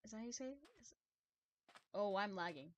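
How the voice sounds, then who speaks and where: Young female game streamer, middle-pitched, chatty and self-mocking, rambles, quick to laugh. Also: animated, slight background noise. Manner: rambling, self-deprecating, laughs often, swears casually. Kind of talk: casual gameplay commentary.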